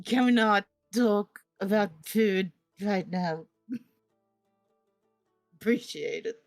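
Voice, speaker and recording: A woman's voice: medium pitch, takes it slowly, dry recording, studio quality, soft background music. A woman player chatting casually during a tabletop game, giggly and full of fillers.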